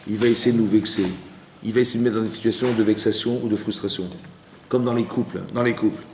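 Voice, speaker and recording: A man, a rabbi teaching a Torah class to an audience, animated, asking questions and acting out little everyday scenes. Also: fairly low pitch, fast. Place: community center hall. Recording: echoey hall with faint noise.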